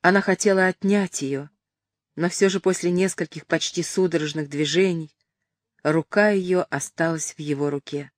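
A woman narrating a classic novel in a measured, literary way. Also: on the low side, no echo, clean studio sound.

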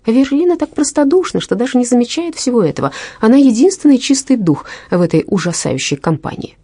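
Expressive woman narrating, husky and mellow. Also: on the high side, brisk, no room sound. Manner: expressive reading, lively intonation. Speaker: audiobook narrator. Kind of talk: scripted literary narration.

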